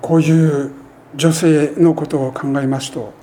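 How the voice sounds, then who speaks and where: A man preaching a sermon as a pastor, speaking earnestly with emphatic rises and measured pauses. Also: fairly high pitch, steady tone, warm tone.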